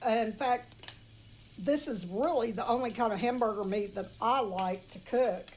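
Southern lady doing a homey cooking tutorial, high voice, chatty, bit of kitchen noise behind her. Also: unhurried, darkish tone. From southern United States. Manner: folksy, chatty instruction. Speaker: home cook presenting recipes. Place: home kitchen, indoors. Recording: home video with faint kitchen noise.

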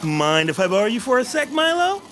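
Pompous store manager in an audio comedy, super animated theatrical delivery. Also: male voice, extremely high pitch, a little fast, very noisy. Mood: chipper, officious. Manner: self-important, theatrical. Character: pompous, folksy, jargon-spouting toy store boss. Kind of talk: audio sitcom acting.

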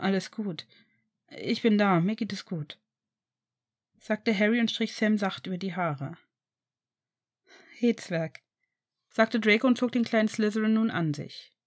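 A woman reading fan fiction aloud in an even storytelling narration. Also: mid-range voice. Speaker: reader.

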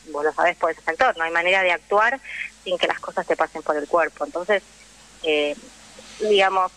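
A young woman with a Rioplatense Argentine accent speaks as a radio guest; she's an actress and drama teacher. Her voice is on the low side, bright and forceful, and the recording is rough. She explains things emphatically in a conversational interview, often checking in with her listener.

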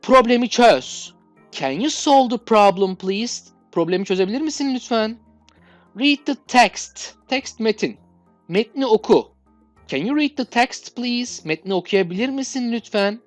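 A woman with a Turkish accent teaching English requests, reading each English phrase slowly and clearly before explaining it. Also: fairly high pitch, lively intonation, no echo, faint music behind.

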